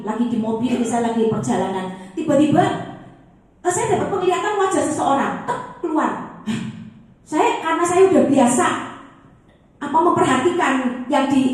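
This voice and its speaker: High-voiced woman pastor, very echoey hall. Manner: animated preaching, acting out prayers in a pleading voice. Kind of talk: sermon. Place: church.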